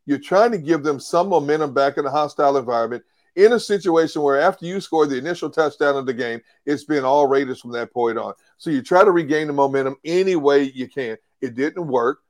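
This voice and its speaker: A man on a casual sports talk show, explaining plays in a measured, coach-like way. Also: fairly high pitch.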